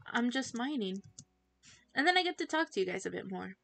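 Playing a game on a livestream, this teenage girl chats away to viewers, giggling, laughing readily and getting sidetracked. She has a fairly high, sing-song voice that is gravelly and a bit bright.

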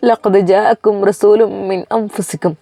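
A grieving old mother pours out a sobbing prayer for her departing son, as a woman storyteller puts her on. The voice is mellow and warm, set close and dry with no room around it. It reads like a storybook scene, plain and heartfelt. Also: medium pitch, fairly even intonation, moderate pace, no echo, lightly acted. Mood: tearful pleading. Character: tearful devout old mother praying for son.

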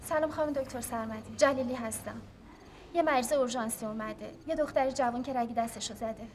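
An actress playing a firm, compassionate hospital nurse who speaks with stern authority. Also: female voice, fairly high pitch, slight background noise, lightly acted. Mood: professional.

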